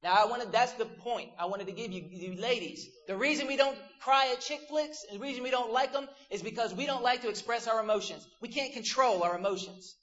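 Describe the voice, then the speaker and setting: A man's voice: extremely high pitch, brisk, few pauses, fairly bright tone, highs cut off. A man preaching a casual, joking youth sermon to a crowd of teens.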